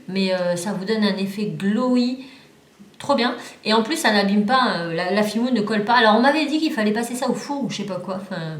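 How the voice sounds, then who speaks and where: A chatty woman with a southern French accent walks through a parcel of craft supplies and keeps stopping to rephrase. Her voice sits in the middle of the range. The room gives it a noticeable echo. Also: mid-range voice. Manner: chatty, many fillers and restarts. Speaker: craft YouTuber reviewing a parcel. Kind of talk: casual chat.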